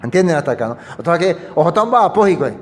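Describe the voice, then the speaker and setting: A man's voice: fairly high pitch, big pitch swings, fast talker, big-room sound. A man teaching a Bible passage to a small congregation in a conversational way, often checking that his listeners follow. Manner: conversational, asks the listeners for agreement. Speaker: preacher.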